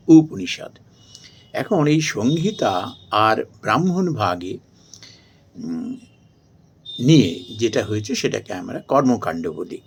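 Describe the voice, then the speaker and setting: A man giving a slow, measured devotional talk and chanting verses. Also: mid-range voice, gravelly, slightly rough. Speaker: spiritual speaker.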